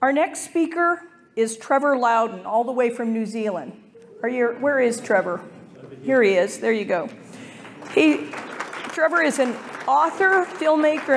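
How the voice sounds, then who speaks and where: A woman emceeing a conference, reading out a formal introduction of the next speaker. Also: high-pitched. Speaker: event emcee.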